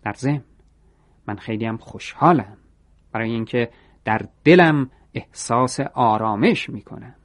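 A man voicing a calm, generous young florist who speaks gently and steadily. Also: mid-range voice, close to an everyday voice.

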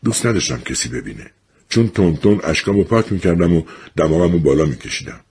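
Brief: male storyteller, husky and expressive, swings widely in pitch and acts out the voices. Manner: lively, acts out the voices of others. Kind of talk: storytelling narration.

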